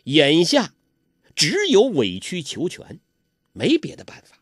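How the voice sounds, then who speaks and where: A man's voice: on the high side, wildly swooping pitch, takes it slowly, slightly rough, dry recording, studio quality. A man narrating a martial arts tale in traditional oral storytelling style, with dramatic emphasis.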